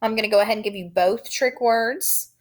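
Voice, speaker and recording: A woman teaching a phonics lesson, sounding out letters and syllables in a deliberate, encouraging way. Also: a little high.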